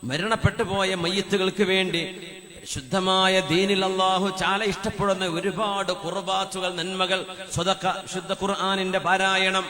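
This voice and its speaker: A man's voice: sits high, level tone, unhurried. A man preaching a sermon, chanting Arabic quotations in a sung tone. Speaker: Islamic preacher. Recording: long reverb, crowd heard behind.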